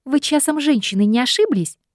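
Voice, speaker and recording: A woman voicing a feisty young female secretary who protests in shrill outbursts. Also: lively intonation, brisk, no room sound, clean studio sound. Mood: indignant.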